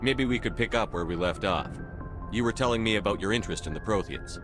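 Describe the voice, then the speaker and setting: A man acts a resolute starship commander from a sci-fi video game. His voice is low and he talks tersely and directly, like a plain-spoken soldier. Music runs clearly behind him. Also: expressive, fast talker, natural voice. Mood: calm, frank. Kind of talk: video game dialogue acting.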